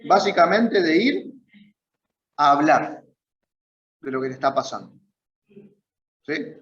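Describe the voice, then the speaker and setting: High-voiced Argentine man teaching Bible class. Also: lively intonation, slow pace, a bit bright, echoey room, highs cut off. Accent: Argentine Spanish. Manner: conversational, keeps checking in with the listeners. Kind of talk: church Bible study lesson. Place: church meeting room.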